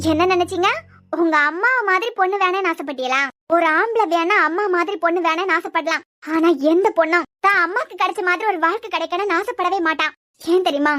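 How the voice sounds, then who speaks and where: With an extremely high, fairly bright voice and a Kanyakumari Tamil accent, a woman plays a proud young wife in a cartoon web series. The character fiercely defends her family, delivering defiant, lecturing lines in a reproachful mood.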